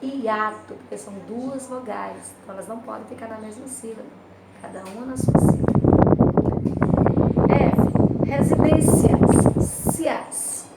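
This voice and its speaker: A Brazilian woman teaching a remote lesson at home, her voice pitched a little high as she patiently walks students through an exercise, slowing down on each syllable. She sits some way from the mic in a roomy space, with loud constant noise behind her. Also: gravelly, far from the mic. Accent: Brazilian Portuguese. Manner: patient, checks in with tag questions, spells out syllables slowly. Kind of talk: remote class lesson, explaining grammar exercises. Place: home room, recorded for a remote class.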